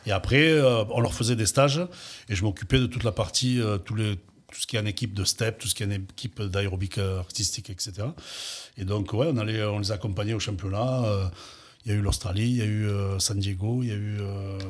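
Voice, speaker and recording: A man guest in casual chat, telling long anecdotes in a talkative, lively way. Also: on the low side, fast.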